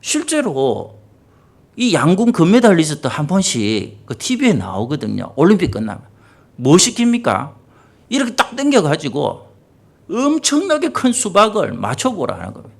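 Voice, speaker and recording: A man's voice: on the high side, huge pitch swings, moderate pace, gravelly. A middle-aged man, a senior pastor preaching an early-morning sermon with vivid storytelling and rhetorical questions.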